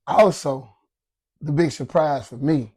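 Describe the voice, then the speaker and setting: Slangy man with a higher-pitched voice. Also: slow pace, darkish tone, husky, dry recording, clean studio sound. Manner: slangy, heavy swearing, frequent "you know". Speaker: podcast host. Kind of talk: casual chat.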